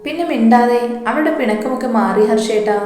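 A woman voicing a gentle young wife who soothes and reassures her husband. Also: a little high, fairly quick, close to an everyday voice. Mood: reassuring. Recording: heavy echo, long reverb.

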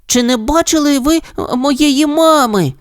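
A narrator voicing an excitable little male corgi puppy in a storybook, asking eager, high questions. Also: normal speed, dry recording, clean studio sound, natural voice. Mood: worried. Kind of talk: storybook character voice.

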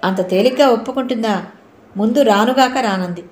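A woman's voice: fairly high pitch, fairly quick, a little mellow, natural voice. Breezy young male dancer, talkative and playful, read by a woman narrator; roomy audio. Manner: chatty, mixes English phrases. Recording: roomy echo.

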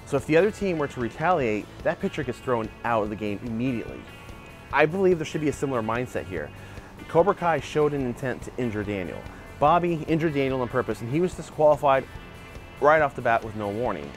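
A man in his forties who hosts a martial arts channel delivers opinionated video commentary, arguing his point in a lively way and gesturing a lot. He talks fast at a middle pitch, recorded on a clip-on lapel mic in a backyard by a wooden fence, with faint music underneath.

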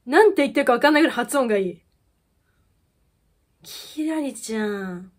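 A woman's voice: on the high side, lively intonation, moderate pace. A young woman talking casually as she reacts to a music video, gushing and exclaiming with frequent laughs. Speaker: idol fan YouTuber.

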